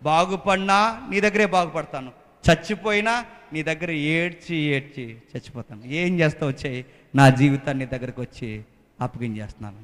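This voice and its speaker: A man preaching as a pastor in a fervent sermon, swinging between loud exhortation and hushed pleading into a microphone. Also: fairly high pitch, fairly quick, big-room sound.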